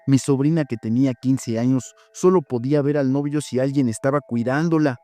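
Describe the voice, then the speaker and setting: A man who hosts a horror story channel, reading listeners' stories in a steady, measured voice. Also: medium pitch. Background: faint background music.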